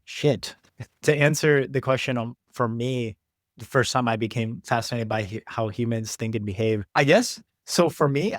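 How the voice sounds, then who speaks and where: An American man hosting a podcast, talking in a relaxed, reflective and chatty way with lots of "like"s. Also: medium pitch, dry recording, clean studio sound. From United States. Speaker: podcast host. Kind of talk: casual podcast conversation.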